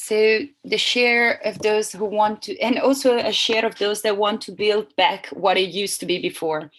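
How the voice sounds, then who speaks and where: A woman interpreting a seminar talk live, speaking haltingly with frequent restarts and self-corrections. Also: medium pitch, fairly even intonation, a bit bright, low-quality recording. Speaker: simultaneous interpreter.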